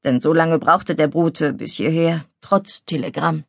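A woman reading a novel as audiobook narrator in a calm, measured way. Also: deep voice, creaky, no echo. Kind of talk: scripted narration. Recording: dry studio recording.

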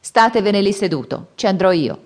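A woman voicing a sly, cheeky monkey king in an audiobook. He talks higher and louder than the narrator, cocky and teasing. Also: expressive, normal speed, lightly acted. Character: cheeky shape-shifting monkey king, male.

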